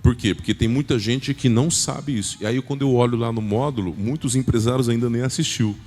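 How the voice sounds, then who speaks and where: In a large church hall, a business speaker delivers an emphatic motivational sales talk, often putting questions to the audience. His mid-range voice is slightly fast and darkish in tone, and the recording carries a long hall reverb with faint music.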